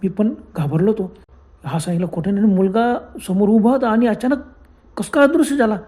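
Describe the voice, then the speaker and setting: Man, ghost story storyteller, dramatic, mellow dark voice, hushed tense asides. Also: high-pitched, fairly quick. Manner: dramatic, frequent gasped exclamations, acts out friends' fearful lines. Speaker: horror storyteller. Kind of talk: first-person ghost story narration.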